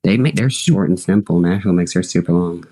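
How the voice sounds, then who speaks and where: Deep, dark-voiced man. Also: brisk, low-quality recording. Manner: laid-back, plain-spoken. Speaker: host of a live severe weather stream. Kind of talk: casual on-air chat.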